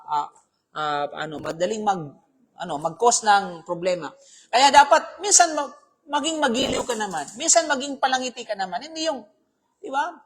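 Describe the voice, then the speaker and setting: Husky-voiced male preacher, conversational. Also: sits high. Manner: conversational, keeps asking "di ba?", mixes in English phrases. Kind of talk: live Islamic talk on marriage.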